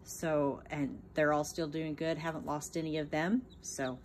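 Filming her chicks at home on a phone, this small farm vlogger talks casually off-camera, plainspoken and full of ums and false starts. She speaks in a low, steady voice at a slightly slow pace over light background noise.

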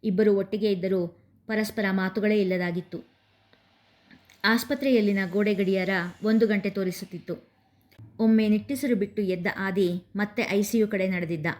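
A woman reading an emotional family story aloud in a steady, expressive storytelling voice. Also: medium pitch, normal speed. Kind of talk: scripted story narration.

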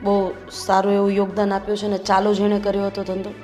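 A woman's voice: medium pitch, completely flat delivery, fast, dark tone, faint music behind, close to an everyday voice. A woman playing an earnest daughter-in-law. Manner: earnest, complaining. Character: concerned daughter-in-law speaking to elders. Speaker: daughter-in-law in family drama. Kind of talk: Gujarati family drama acting.

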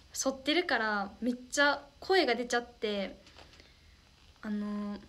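A young woman hosting a casual livestream, reading viewer comments aloud in a bubbly, polite way and thanking them often. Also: on the high side. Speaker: idol livestream host.

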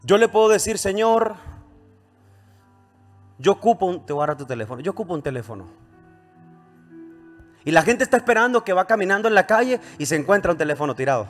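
A man with a high-pitched voice preaches a sermon to his congregation. He swings between emphatic, rising questions and quieter asides, calling for amens. Faint music plays underneath. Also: sing-song, brisk, long pauses. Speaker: pastor.

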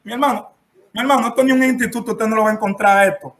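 A man's voice: sits high, fairly even intonation, quick pace, fairly bright tone. A man with a Dominican Spanish accent, a preacher teaching church etiquette in an emphatic, instructive way and dotting his phrases with amens. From Dominican Republic. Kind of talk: instructive preaching to a live-streamed audience. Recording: echoey room.

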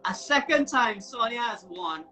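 A woman with a fairly high, bright voice speaks unhurriedly, her intonation lively and her tone forceful. She's hosting a casual live online show, gushing encouragement and often repeating herself, with music playing in the background.

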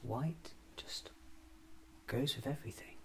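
A man in his thirties playing a whimsical, eccentric time-traveling doctor musing aloud in soft-spoken, deliberate ASMR roleplay. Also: medium pitch, expressive, slight background noise. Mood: hushed, musing. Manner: deliberate, musing, often near whisper.

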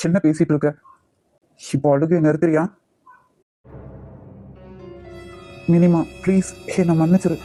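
A man's voice: high-pitched, dark tone, no echo, close to an everyday voice. A man voicing an earnest young cartoon hero. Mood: pleading. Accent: Kanyakumari Tamil. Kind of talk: cartoon voice acting.

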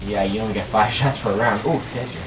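A man with a fairly low voice and fairly even intonation talks fast, a crowd audible behind him. He's a co-op game commentator, chatting casually and laid-back with lots of fillers as he plays, among video game sounds. The mic is distant in an echoey room.

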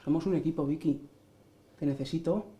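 A man's voice: fairly high pitch, brisk, mellow, roomy sound, lightly acted. An actor playing an abusive, controlling husband who berates and mocks his wife. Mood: coaxing. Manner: berating, mocking, swearing. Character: abusive controlling husband, middle-aged man, cruel.

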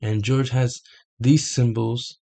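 A young self-made explainer in his twenties explains a picture over a screen share from his desk webcam, in a small bedroom with red lighting. His medium-pitched voice is gravelly and mellow, delivered slowly and flatly, hesitant and riddled with fillers and restarts.

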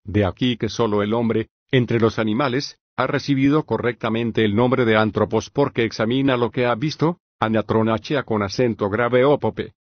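A man, read in a flat, even way, voicing a probing, ironic male ancient philosopher in an audiobook. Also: mid-range voice, moderate pace, dry recording, dull audio, natural voice. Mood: explaining.

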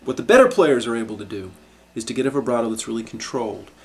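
A middle-aged man teaching a harmonica lesson, explaining in a calm, reflective way with frequent restarts. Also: medium pitch, fast, slight background noise. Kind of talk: instructional video lesson.

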